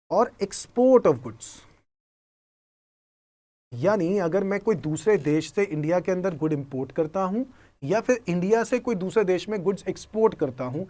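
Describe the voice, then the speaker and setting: A man's voice: high-pitched, warm tone. An Indian man teaching a tax class, asking questions on his students' behalf and answering them, mixing in English terms and calling his students kids. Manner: mixes Hindi with English terms; addresses students fondly as kids. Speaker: tax lecturer. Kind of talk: classroom lecture.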